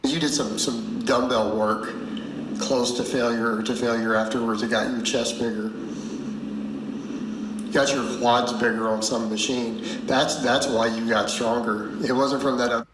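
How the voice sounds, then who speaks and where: A man's voice: medium pitch, steady tone, measured pace. Blunt lecturing man in an echoey room. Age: 40s. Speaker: strength coach. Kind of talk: lecturing video monologue. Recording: echoey room with background noise.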